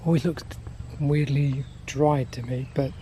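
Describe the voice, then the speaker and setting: A man giving a casual, unscripted garden tour outdoors, listing things in an unhurried, appreciative way. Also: medium pitch, fairly even intonation. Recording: outdoor ambient noise.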